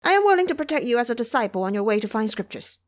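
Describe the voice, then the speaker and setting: A woman voicing an excitable, pleading male monkey demigod with a boastful, eager manner in an audio drama. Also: fairly high pitch, very fast, voice pushed up. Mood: earnest pleading. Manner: frantic, eager, yelling.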